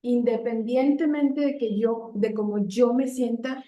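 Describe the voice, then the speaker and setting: A woman preaches her own testimony with raw, pleading passion. Her voice sits fairly high and keeps throwing rhetorical questions at the listeners. The recording echoes around the room. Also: steady tone, measured pace, dark tone, highs cut off, a little hiss or hum. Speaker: lay preacher. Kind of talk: religious testimony talk.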